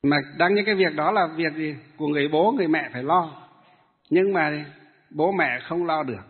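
A Buddhist monk delivers a dharma talk, putting questions to his listeners and answering them himself. His voice is husky and sits fairly high for a man. The sound is tinny and phone-like, with long reverb trailing off the hall. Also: a little fast. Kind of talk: dharma talk to lay followers.

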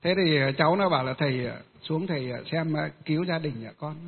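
A Buddhist monk telling a long story in a rambling, halting way, with many filler pauses. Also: male voice, fairly high pitch, husky. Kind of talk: storytelling Dharma talk. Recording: tinny phone-like sound with long reverb.

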